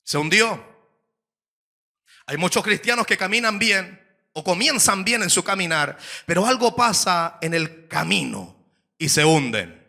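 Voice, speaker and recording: High, gravelly man shouting a sermon. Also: animated, moderate pace. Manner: swings between hushed asides and shouted climaxes; calls for amens from the congregation. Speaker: pastor.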